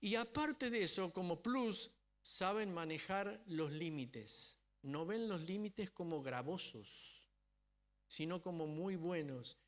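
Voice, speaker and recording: A man's voice: high-pitched, animated, slow pace. A man preaching a sermon as a pastor, telling a story and often checking in with the congregation. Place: church.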